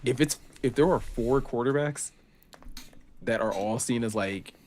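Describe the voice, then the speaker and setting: A man co-hosting a casual sports podcast, animated and quick to laugh, with lots of filler words. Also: mid-range voice, a little hiss or hum.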